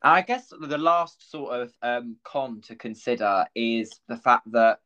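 A young man hosting a casual podcast chat. He talks in an easy, rambling way, full of "like" and "you know". His pitch sits in a middling range for a man. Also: measured pace, lo-fi sound. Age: young adult. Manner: chatty, animated storytelling with frequent fillers and laughs. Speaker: podcast host.

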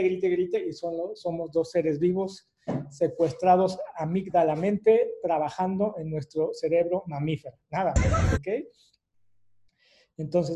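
A man's voice: high voice, mellow. A man with a Mexican accent giving an online lecture. He explains things step by step and often adds fillers and little tag questions. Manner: explanatory, with many fillers and rhetorical tags.

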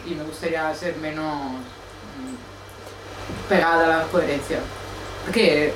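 Young woman, group sharer, halting and searching, lowish voice, recorded far off in a roomy space with background noise. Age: young adult. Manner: hesitant, searching, many restarts. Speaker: group participant. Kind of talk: group sharing circle talk.

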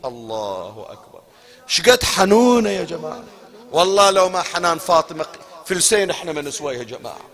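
A man's voice: on the high side, very animated, fairly quick, a bit bright. A man delivering an emotional mourning sermon as a preacher, slipping into chanted lament.

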